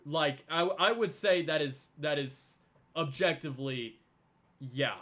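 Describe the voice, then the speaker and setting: Young male debater, halting delivery with lots of stammered restarts; voice sits a bit high. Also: fairly bright tone. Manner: halting, stammers and repeats words. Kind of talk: casual online debate.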